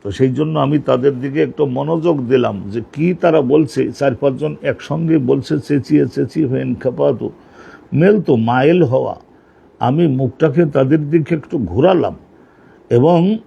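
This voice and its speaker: Gravelly-voiced man teaching hadith. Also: medium pitch, a little slow, warm tone, muffled recording. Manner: reads Arabic text aloud, then paraphrases and repeats each phrase. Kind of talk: online hadith class, reading Arabic then explaining in Bengali. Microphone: online class stream.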